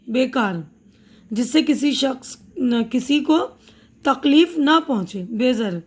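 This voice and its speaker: A woman with a high voice and an Indian Urdu accent teaches a school lesson. She talks patiently and repeats words slowly for her pupils, and now and then drops in an English term. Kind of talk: explaining a school textbook chapter.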